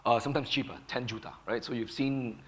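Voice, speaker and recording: A hoarse man with a sore throat, speaking on a conference panel and explaining points in a measured, firm way. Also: mid-range voice, steady tone. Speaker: panelist, company founder. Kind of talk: panel discussion.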